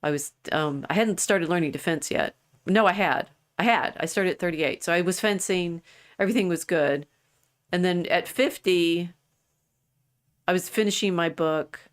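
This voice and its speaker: This livestream co-host is a woman in her sixties with a lowish voice at a normal speed. She rambles casually through the conversation, frequently starting over.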